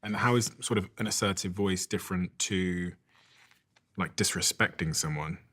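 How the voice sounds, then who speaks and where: A man with a very deep and somewhat husky voice hosts an interview. He asks short, curious questions to steer the talk forward, speaking in a plain conversational way. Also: normal speed, pushed and bright. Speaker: interview host.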